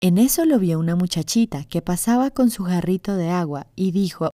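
Woman reading a kids' fairy tale, mellow tone, dry close sound. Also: on the low side, expressive, moderate pace, dry recording. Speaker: storyteller. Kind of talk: children's storytelling. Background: faint music.

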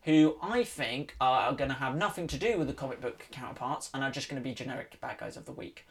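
Male co-host, excitable and rambling, heavy on fillers, casual chat. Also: medium pitch, a little fast. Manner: enthusiastic, rambling, many ums. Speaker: podcast co-host. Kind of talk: casual chat about comics and TV.

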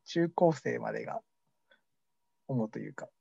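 Here a young man co-hosts an amateur mock radio show, rambling along and cracking self-deprecating jokes in a relaxed way. His mid-range voice is warm, creaky and slightly rough, and he speaks a little slowly. There's no room sound in this dull, dry lo-fi recording.

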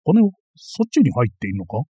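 A man's voice: medium pitch, huge pitch swings, fairly quick, warm tone, breathy edge, no room sound, studio quality, full character voice. A man voicing a boastful, bumbling self-styled master thief in a dramatized period-novel reading, ranting and easily flustered. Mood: baffled.

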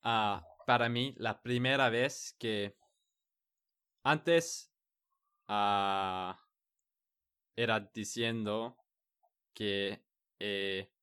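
Slow, hesitant man searching for words. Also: lowish voice, fairly even intonation, pushed and bright, smooth. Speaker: conversation partner. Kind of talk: casual chat in a learned language.

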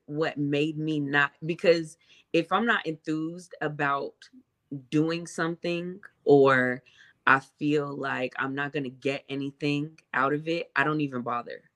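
A woman who is a guest musician in a casual interview, explaining herself in a thoughtful, hesitant, measured way. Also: low voice, pushed and bright.

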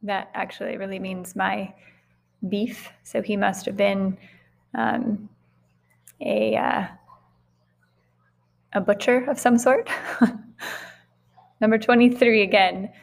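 A woman teaching pronunciation, saying each name several times slowly and carefully, with short explanatory asides. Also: medium pitch, fairly even intonation, gravelly. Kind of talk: slow word-by-word pronunciation drill.

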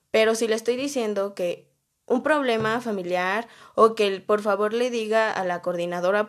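Speaking with a Mexican Spanish accent, this young woman recounts something that happened to her in a relaxed, lively way, her voice sitting fairly high. Slang runs all through it, and she performs the quoted lines.

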